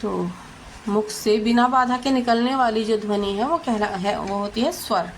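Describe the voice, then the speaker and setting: Woman tutor, fairly high voice, slow and careful, faint noise behind. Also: low-quality recording. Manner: slow, deliberate, repeats answers with frequent hesitations. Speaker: teacher. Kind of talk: exam question walkthrough lesson.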